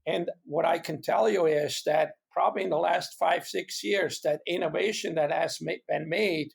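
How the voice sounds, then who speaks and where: A middle-aged Swiss-accented man speaks in an earnest, halting interview style, often doubling his words as he goes. His voice sits a little high, with a gravelly, husky edge. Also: steady tone. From Switzerland. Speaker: guest, hoof care expert. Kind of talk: casual interview talk.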